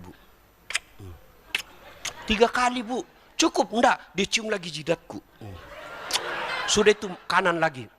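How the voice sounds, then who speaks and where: A middle-aged man, preaching a comedic sermon and talking straight to his listeners in a jokey, animated way. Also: on the high side, big-room sound, background noise. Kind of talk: comedic sermon to a live audience.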